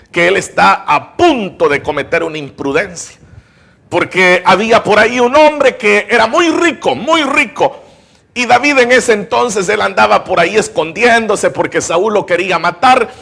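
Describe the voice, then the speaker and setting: A man's voice: high-pitched, creaky, fairly bright tone. A man preaching a sermon as pastor of a church, telling biblical stories and acting out the dialogue of their characters.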